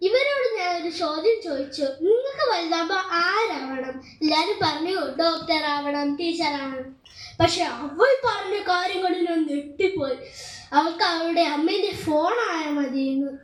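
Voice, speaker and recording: A young voice playing a gentle school teacher. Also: very high-pitched, lively intonation, normal speed. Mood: explaining. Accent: Malayalam. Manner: gentle, coaxing. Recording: roomy echo.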